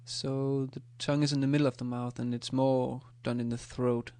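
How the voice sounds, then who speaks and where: Man, pronunciation lesson, hesitant with fillers, gravelly voice, dry recording. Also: mid-range voice, level tone, darkish tone, no room sound. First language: Danish. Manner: slow and hesitant, with many fillers, repeating sounds. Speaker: language teacher.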